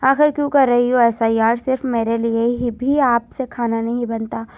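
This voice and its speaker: A woman's voice: a little high, level tone, moderate pace, a little mellow, no echo, lightly acted. A woman voicing a loving, emotional young husband in a spoken story, with a tender, pleading manner.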